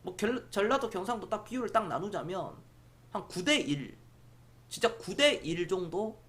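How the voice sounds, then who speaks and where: A middle-aged man from Jeolla hosts a casual stock-market live stream. He rambles from one point to the next and answers viewers' comments aloud. His pitch rises and falls a lot as he talks. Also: animated, normal speed, fairly bright tone. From Jeolla province, South Korea.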